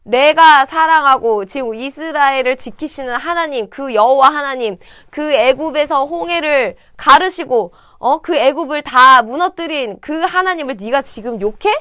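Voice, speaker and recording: A zealous young shepherd boy speaks out boldly and fiercely, as a woman acts him. His voice is high and bright, full of fiery conviction. It is told within a storytelling retelling. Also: expressive, normal speed, no room sound, studio quality. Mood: indignant. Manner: indignant, fiery.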